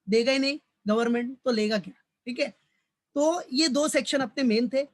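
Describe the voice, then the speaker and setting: A man's voice: very high voice, normal speed. Fatherly lecturer quizzing his students. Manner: repeats points and quizzes students with questions, then answers them himself; fatherly, addresses students as "beta". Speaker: college commerce lecturer. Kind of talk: recorded tax lecture in mixed Hindi and English.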